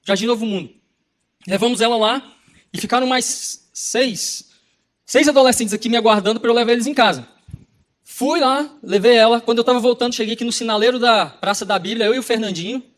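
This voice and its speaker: A man with a Brazilian Portuguese accent preaching a sermon, telling a personal story in an animated way and acting out the dialogue. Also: very high-pitched, fairly quick. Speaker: pastor.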